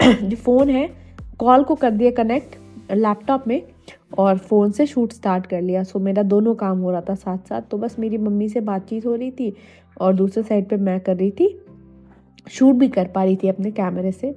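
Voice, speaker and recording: A young woman from India, slightly hoarse from a cold, chatting to viewers in a casual cooking vlog voice-over. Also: mid-range voice, moderate pace, warm tone, muffled recording. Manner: chatty, addresses viewers directly. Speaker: homemaker vlogger. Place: voice-over, not recorded in the pictured kitchen. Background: faint music.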